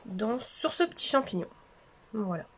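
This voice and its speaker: A woman hosting a casual coloring tutorial livestream, chatty and hesitant with many fillers and soft asides. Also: medium pitch, big pitch swings, normal speed, slight background noise.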